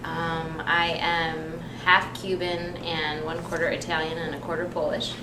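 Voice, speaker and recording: A young woman talks about herself in a relaxed, chatty way, her voice sitting fairly low. She is recorded from a distance in an echoey room with clear background noise. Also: unhurried. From United States. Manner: relaxed and chatty, many ums. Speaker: interviewee, nurse and figure athlete. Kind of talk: casual self-introduction. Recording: echoey room, mic from far off, noisy.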